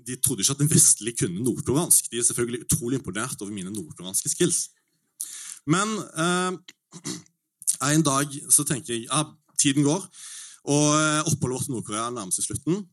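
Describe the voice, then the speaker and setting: A man doing a stand-up storytelling set, his voice sitting a little high for a man. He talks in a lively, slangy way, swears freely and slips into quick impressions of other people. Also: husky. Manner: lively, slangy, swearing, full of fillers and mimicry. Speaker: stand-up comedian.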